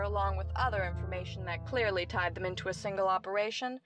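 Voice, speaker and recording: In this old-time radio mystery, a confident and brilliant young female detective, voiced by an actress, lays out every clue with theatrical precision. Her voice is mid-pitched and natural, and the sound is close and dry.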